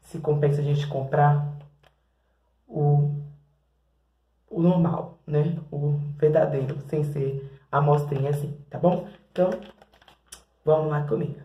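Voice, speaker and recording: In her home bathroom, a Brazilian woman tests hair products for a casual vlog, chatting with viewers and repeatedly calling them "gente." Her low voice is steady and slow with long pauses, sounding reverberant with the highs cut off.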